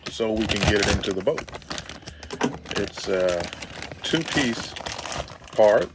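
A man hosting a casual, laid-back outdoor vlog at the lakeside, talking in an unhurried way. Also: lowish voice, lively intonation, heavy background noise. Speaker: video host.

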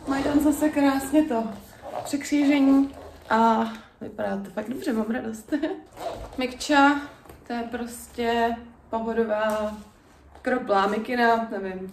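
A young woman from the Czech Republic chats to a camera in her apartment, filling her talk with little fillers and laughs. Her voice sits a bit high. The room gives it a noticeable echo. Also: far from the mic. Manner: chatty, with frequent fillers and laughs. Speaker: fitness vlogger. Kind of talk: casual vlog talk to camera.

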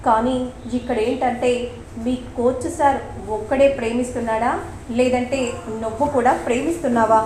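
A woman's voice: a little high, fairly even intonation, moderate pace, darkish tone, reverberant, slight background noise, lightly acted, poor audio. A woman voicing a stern middle-aged father. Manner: firm, questioning.

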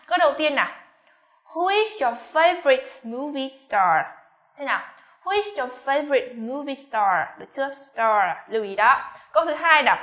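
A woman whose first language is Vietnamese, teaching English pronunciation to students and reading each example sentence slowly with exaggerated rises and falls. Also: high voice, sharp tone. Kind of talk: classroom-style lesson addressing students.

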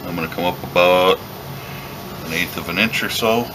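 A man giving a relaxed, step-by-step leatherworking tutorial while he works at a workshop bench, recorded by a camera above the bench. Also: low-pitched, normal speed, noisy background. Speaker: leatherworking instructor. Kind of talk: hands-on craft tutorial.

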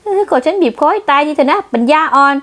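A woman voicing a feisty, sharp-tongued young woman executive who snaps back indignantly, in a manga dub. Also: high voice, expressive, rapid-fire, pitched above the performer's own voice. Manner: snappy, indignant.

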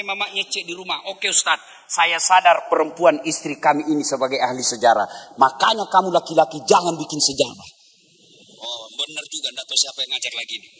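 Lively man preaching in an echoing mosque. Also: fairly high pitch, breathy edge. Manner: animated, jokey, acts out dialogues with the congregation. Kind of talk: humorous mosque sermon. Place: large mosque. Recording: long hall reverb in a large mosque.

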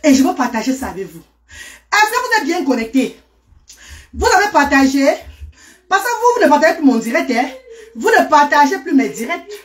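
A woman's voice: high voice, very animated, moderate pace. A woman talking live to her viewers in a casual stream, exclamatory and greeting people by name.

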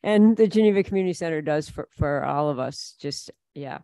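Councilor, hesitant with ums, mid pitch, dry close mic. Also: expressive, a little fast, creaky, mellow, no echo. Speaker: city councilor. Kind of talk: council meeting discussion. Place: city council chamber. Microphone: table microphone.

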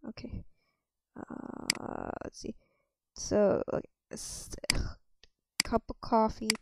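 A woman role-playing a cafe server in a game, chatting with customers and thinking out loud with lots of ums. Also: fairly high pitch, level tone, very slow, creaky, noisy background. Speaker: player running a cafe. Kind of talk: casual game role-play.

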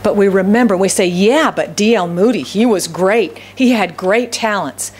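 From a podium in a church hall, a middle-aged American woman pastor gives a loud sermon in a mid-range voice at a moderate pace, recorded on the podium microphone. She questions her congregation and repeats her key phrases.

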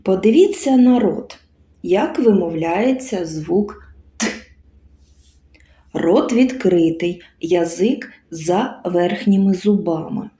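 A woman teaching a speech-sounds lesson to small children, asking coaxing questions and articulating slowly and clearly. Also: mid-range voice, mellow. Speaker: kindergarten teacher. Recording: roomy echo.

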